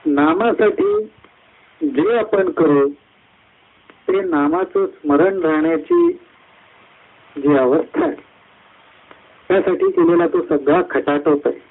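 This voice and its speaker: A man giving a devotional discourse at a satsang, climbing high through lists of words and slowing down on key phrases. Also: big pitch swings. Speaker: satsang speaker. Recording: tinny phone-like line.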